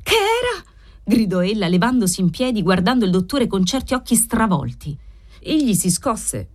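A woman narrating a dramatic novel in an expressive, measured reading voice. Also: on the low side. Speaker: audiobook reader.

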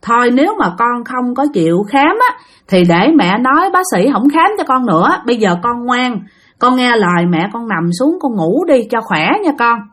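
A woman's voice: medium pitch, expressive, normal speed, fairly bright tone. A woman voicing a worried mother who coaxes and pleads. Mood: coaxing. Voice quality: pleading, coaxing. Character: worried mother pleading with her sick son.

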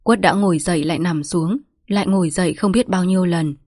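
A woman's voice: on the low side, fairly quick, darkish tone, no echo. Woman reading a village story, dry close sound. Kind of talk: scripted story narration.

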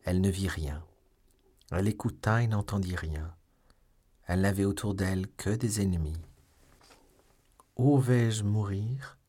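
Husky-voiced man reading an audiobook. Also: sits low, moderate pace, long pauses, darkish tone. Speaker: audiobook reader. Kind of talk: scripted audiobook narration.

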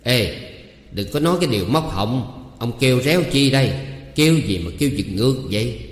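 A man voicing a sharp-tongued old woman who scolds in a raised, shrill voice. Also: expressive, fairly quick, natural voice. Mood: scolding. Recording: roomy with long reverb.

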